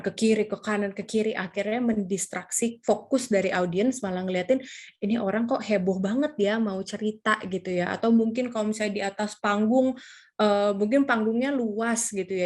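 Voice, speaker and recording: A woman teaching public speaking over slides, in a casual, chatty way with many fillers. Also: medium pitch. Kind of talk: slide presentation lesson.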